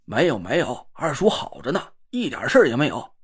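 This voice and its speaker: A man's voice: mid-range voice, sing-song, a little fast, breathy edge, voice pushed down. A man voicing an anxious middle-aged uncle who pleads and soothes in a storybook reading. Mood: soothing. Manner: coaxing, worried. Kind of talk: audiobook character voice.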